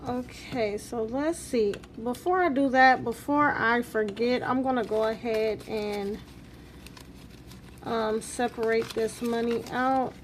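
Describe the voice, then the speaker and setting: A woman's voice: on the high side, takes it slowly, slight background noise. A woman vlog host chatting casually as she counts along, her articulation slightly altered by new braces. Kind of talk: casual chat while counting cash and cards.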